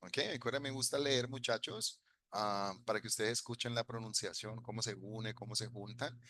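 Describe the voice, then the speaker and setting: A man's voice: fairly low pitch, steady tone, normal speed, sharp tone. A man teaching an English class in Spanish, patiently explaining grammar and repeating phrases for his students. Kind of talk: bilingual classroom lesson.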